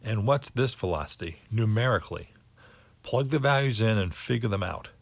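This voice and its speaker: A man giving a physics lecture on orbits, working through figures slowly and thinking aloud with many pauses. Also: lowish voice, expressive, gravelly. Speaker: teacher.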